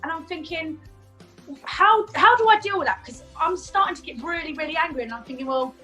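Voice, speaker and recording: A woman's voice: extremely high pitch, fairly quick, pushed and bright, soft background music, poor audio. A woman with an English accent, a former client on a video call, asking her question hesitantly with many fillers and rising agitation.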